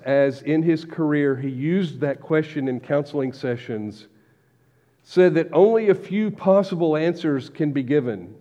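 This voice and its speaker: A man preaching a sermon as pastor, measured, slowing down to stress key words. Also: fairly high pitch. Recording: dull lo-fi recording with long hall reverb.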